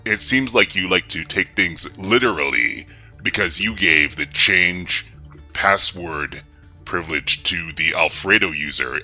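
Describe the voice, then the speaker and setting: A man using a deep metallic voice changer, playing a gloating male hacker villain in a livestream hacking session. He speaks in a theatrical, taunting way. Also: pushed and bright, full character voice.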